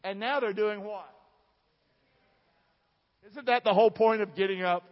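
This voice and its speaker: A man with a high voice speaks a little slowly as he preaches in a Southern American accent. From the southern United States, he is emphatic and folksy and poses questions to the congregation. The large church room gives the recording a dull, reverberant quality.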